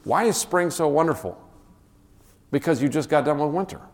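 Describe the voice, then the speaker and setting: A man's voice: a little high, lively intonation, normal speed, a little mellow, long reverb tail. A male teacher giving an enthusiastic classroom lecture, with frequent restarts and asides. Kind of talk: classroom lecture with read-aloud passages.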